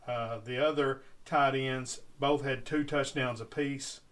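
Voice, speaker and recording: A man's voice: mid-range voice, steady tone, measured pace, fairly bright tone. Folksy man talking sports. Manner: folksy, rambling, plain-spoken with Southern phrasing. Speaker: podcast co-host. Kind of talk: casual sports chat.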